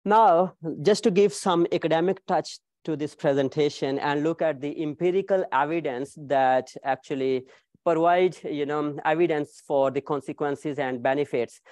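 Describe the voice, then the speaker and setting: A man in his thirties giving an academic keynote lecture in a small seminar room, speaking with animated gestures and frequent fillers. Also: fairly high pitch, normal speed, no echo, studio quality. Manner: animated, gestures while pacing, frequent "uh, you know" fillers. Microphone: far room camera.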